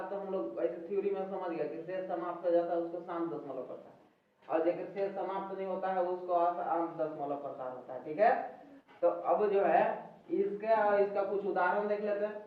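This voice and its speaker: A man teaches maths to pupils, walking through each step and pausing to check they follow. His voice sits high and comes from some way off the mic. The room is very echoey, and the sound is dull with a faint hiss. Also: steady tone, far from the mic. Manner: explains step by step, often checks in with "ठीक है". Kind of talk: classroom lesson at a board.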